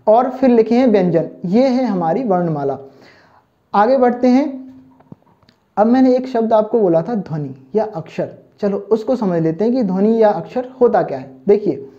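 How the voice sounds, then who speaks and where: Mellow-voiced teacher checking understanding. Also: male voice, high voice. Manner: keeps checking understanding with "thik hai" and "samajh mein aaya na"; addresses students fondly as children. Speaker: Hindi teacher. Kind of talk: online exam-prep lesson. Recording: dull, muffled lo-fi recording.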